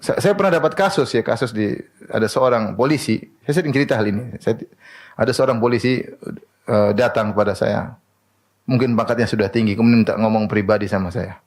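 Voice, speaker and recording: A man preaching a sermon in an animated way, asking rhetorical questions and answering them himself. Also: fairly low pitch, fairly quick.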